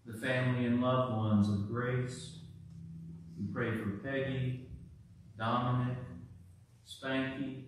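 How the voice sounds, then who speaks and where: Male officiant, slow solemn prayer, cathedral echo, mic well back. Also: medium pitch, level tone, a little hiss or hum. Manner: solemn, deliberate, pausing between phrases. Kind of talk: slow, measured liturgical prayer. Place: large church. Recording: echoey church, mic far off.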